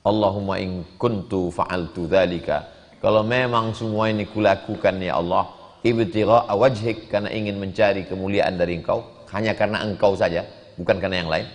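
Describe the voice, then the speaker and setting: A man delivers a sermon. He moves between chanted Arabic phrases and lively explanation. The sound rings with the long reverb of a large hall. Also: deep voice, fairly quick. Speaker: preacher.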